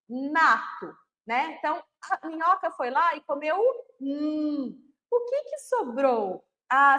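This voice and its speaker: A woman's voice: sits high, a bit bright. A woman with a Brazilian Portuguese accent giving an online lesson to teachers, explaining step by step and answering her own questions. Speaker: literacy teacher trainer. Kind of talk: online lesson on phonological awareness.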